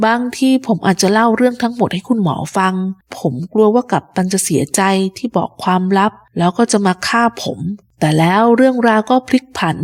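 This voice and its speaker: A woman reads a classic adventure tale aloud in the first person, with a husky, slightly breathy tone. Her narration stays steady and even, at a middle pitch. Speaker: storyteller. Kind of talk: scripted narration.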